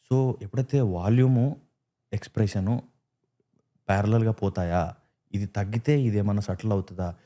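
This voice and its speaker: A man guest on a casual podcast chat, telling lively stories and acting out the lines he quotes. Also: on the low side. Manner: animated storyteller who acts out quoted lines. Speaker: guest actor.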